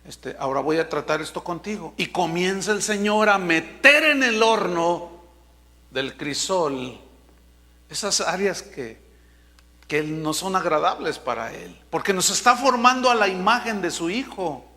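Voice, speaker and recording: A pastor preaches a sermon in a high, ringing, pushed and bright voice, emphatic and expressive at a measured pace. He draws out the words he wants to stress. A long reverb suggests a big hall.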